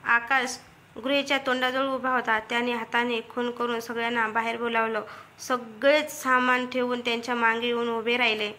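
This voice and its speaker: A woman narrating a story as a storyteller in a steady, measured reading voice. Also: fairly high pitch.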